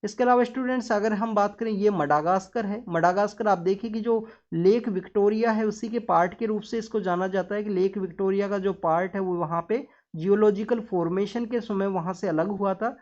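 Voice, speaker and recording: A woman's voice: mid-range voice, fairly quick, darkish tone. A woman teacher giving a newspaper analysis lesson, talking straight to her students and explaining step by step with English terms mixed in. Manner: lecturing, often addresses students directly. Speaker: exam-prep teacher. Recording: slightly dull, muffled recording.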